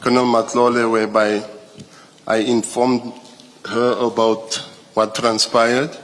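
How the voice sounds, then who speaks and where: A man's voice: medium pitch, little pitch movement, a little slow, a bit bright. A man with a South African accent giving formal testimony as a police witness, hesitant, often restarting his phrases. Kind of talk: formal testimony at a commission hearing. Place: large indoor hearing room. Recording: echoey hearing room, long reverb.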